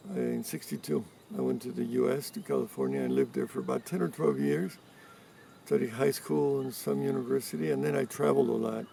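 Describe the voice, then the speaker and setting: Gravelly-voiced older man in his seventies. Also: mid-range voice, animated, warm tone. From Cuba. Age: 70s. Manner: measured explaining with frequent pauses and restarts. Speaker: interviewee, environmental activist. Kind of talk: casual interview answers. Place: rural farm in mountains. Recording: distant mic with faint background noise.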